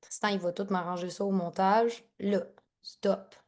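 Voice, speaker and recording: A woman with a Quebec French accent gives an excited, rambling online training talk as a team leader over a laptop video call, laughing often. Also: medium pitch, brisk. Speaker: network marketing team leader.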